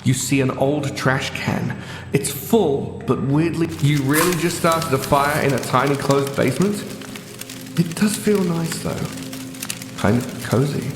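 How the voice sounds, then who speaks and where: A man playing a wry game narrator, reading scripted descriptions in a deadpan, sardonic manner. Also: fairly high pitch, a little slow, lightly acted. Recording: echoey hall reverb with music behind. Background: music.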